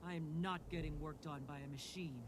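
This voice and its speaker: A man's voice: a little high, steady tone, a little fast, background noise, close to an everyday voice. A man voicing a sick, stubborn, distrustful patient in a video game. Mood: alarmed, indignant. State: coughing, ill. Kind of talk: scripted game acting.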